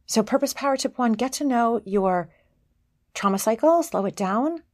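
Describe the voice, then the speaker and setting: A middle-aged woman hosting a motivational podcast as a life coach, earnest and encouraging, sometimes bursting with excitement. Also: on the high side, normal speed, dry recording, studio quality. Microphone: podcast microphone.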